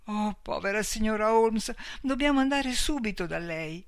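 A man's voice: high voice, lively intonation, normal speed, a bit bright, no room sound, studio quality. A man voicing a polite young woman shopkeeper who is easily upset, speaking in a raised, fluttery voice for an audiobook. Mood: tearful.

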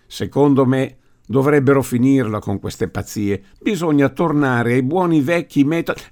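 A man voicing a stubborn old grandfather in an audiobook reading, speaking forcefully and with indignation. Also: mid-range voice, moderate pace, voice pushed up, natural voice. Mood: indignant. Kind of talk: audiobook character voice.

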